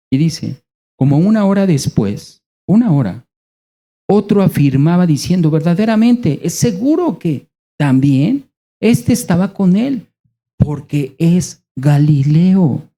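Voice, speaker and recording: Dark-voiced Mexican preacher. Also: male voice, on the high side, sing-song. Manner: conversational, rhetorical questions, dramatic pauses. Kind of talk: sermon.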